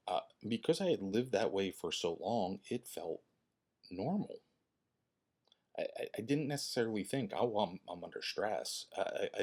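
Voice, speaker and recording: Low-voiced man in his fifties. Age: 50s. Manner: halting, stammering restarts, earnest. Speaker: fitness channel creator and host. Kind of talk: personal vlog talk to viewers.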